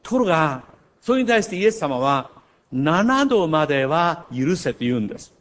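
An older man delivers a sermon in a somewhat high voice. He moves through a story with wide swings, booming on key phrases and falling to near-murmurs between them. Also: sing-song, moderate pace. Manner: storytelling with wide swings between loud emphasis and hushed asides. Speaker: pastor.

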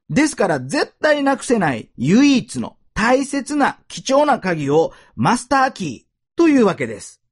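Husky male preacher with a lively voice. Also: high-pitched. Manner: earnest, slow emphatic delivery. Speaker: pastor. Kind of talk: sermon.

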